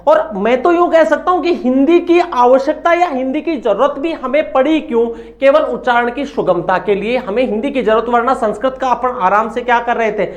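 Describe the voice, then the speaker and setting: A man's voice: very high voice, moderate pace, few pauses, lo-fi sound. A man teaching a grammar lesson from slides. He asks questions and answers them himself, and has the class repeat words after him.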